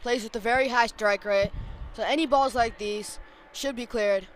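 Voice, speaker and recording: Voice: medium pitch, moderate pace, fairly bright tone, slight background noise. A co-commentator adding remarks and player facts during live cricket commentary.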